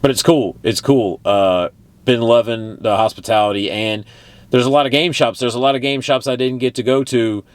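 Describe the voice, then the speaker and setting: A man from Texas, United States, with a Texan accent talks casually and enthusiastically as a retro game collector, rambling in vlog style. His voice is medium-pitched at a moderate pace. Music plays in the background, and there's a little hiss or hum.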